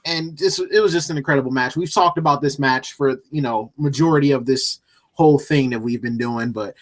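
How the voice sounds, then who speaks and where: A man chatting casually on a podcast, telling stories in an animated, joking way. His voice sits in an everyday middle pitch. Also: brisk. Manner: animated storytelling, jokey. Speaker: co-host.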